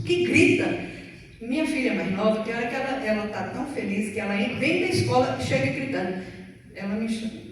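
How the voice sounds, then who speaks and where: A woman's voice: on the high side, darkish tone, a little hiss or hum. A middle-aged Brazilian woman preaching to teenagers in a church, chatty and playful, acting out little stories. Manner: playful, chatty, acts out quotes. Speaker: youth service speaker. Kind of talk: sermon to teenagers. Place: church hall. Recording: echoey hall from far off.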